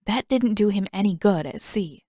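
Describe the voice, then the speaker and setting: A woman reads fiction from a script in audiobook style, her middle-pitched voice mellow, with lively intonation and a moderate pace. The recording is dry, with almost no room sound and no echo.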